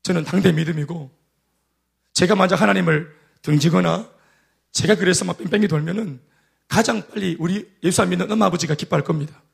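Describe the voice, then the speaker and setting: A male pastor with a Gyeongsang accent preaches in an animated storytelling style. His voice is gravelly and sits high for a man. He acts out the lines of the people in his stories. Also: a little fast. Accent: Gyeongsang dialect. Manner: animated storytelling with acted-out quotes. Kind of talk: sermon.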